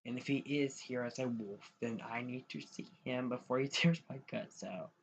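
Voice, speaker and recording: A young American man, a YouTuber, talks casually to his viewers while sharing his screen, rambling and often restarting his sentences. His voice is medium in pitch at a normal speed. The casual screen-share vlog was captured on a dull lo-fi mic with faint noise.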